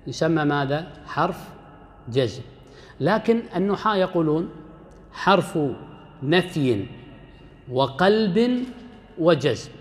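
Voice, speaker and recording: A man teaches a grammar class in a somewhat high voice. He lays out each rule step by step and puts questions to the room before answering them himself. When he quotes a verse he slows right down and gives each word its weight. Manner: recites quoted verses slowly and deliberately. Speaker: grammar lecturer. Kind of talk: classroom lecture.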